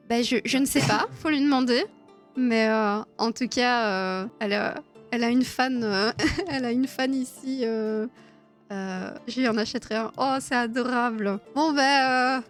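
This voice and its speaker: A woman hosting a casual live stream, chatting with her viewers, laughing often and filling her talk with hesitations. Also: a little high. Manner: chatty, laughs often, many fillers and restarts.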